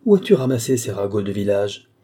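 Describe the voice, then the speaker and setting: A man voicing a gentle, teasing young village woman, lifting his voice slightly for her lines. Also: lowish voice, very animated, a little fast.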